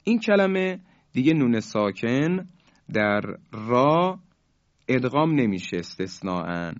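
A man giving a calm radio lesson on recitation rules, stretching the example words out slowly. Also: mid-range voice, no room sound, lo-fi sound. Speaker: Quran recitation teacher on radio.

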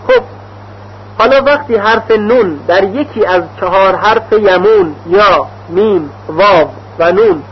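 A man teaching Quran recitation rules, explaining slowly and carefully and sounding out example syllables in a deliberate, drawn-out way. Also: high voice. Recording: dull lo-fi recording with faint hum.

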